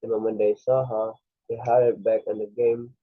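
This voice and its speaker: A man's voice: fairly low pitch, little pitch movement, no room sound. A man reading a storybook aloud, often stopping to correct himself. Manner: halting, self-correcting reading. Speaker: reader. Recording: dry, tinny phone-like recording.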